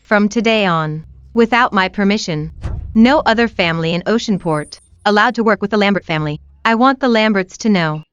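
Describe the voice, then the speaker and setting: An actress playing a commanding, fiercely protective young wife in a dubbed melodrama. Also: female voice, medium pitch, a little fast, smooth, no echo, lightly acted. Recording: slightly dull, music behind.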